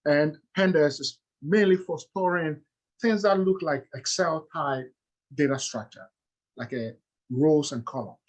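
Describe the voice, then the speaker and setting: Ghanaian man presenting in a halting lecture tone. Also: fairly high pitch, highs cut off. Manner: explains step by step with many "uh"s and "okay"s.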